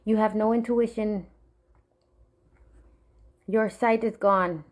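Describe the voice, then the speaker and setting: A young woman from the Marshall Islands, ranting straight to camera in a profane, threatening way that sometimes sinks to a low, menacing murmur. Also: fairly even intonation, slow. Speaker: vlogger. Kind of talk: angry direct-to-camera rant.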